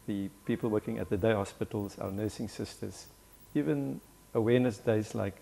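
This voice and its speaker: A man, a doctor guest on a studio talk show, explaining in a measured way. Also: fairly low pitch, vocal fry, warm tone, slight background noise.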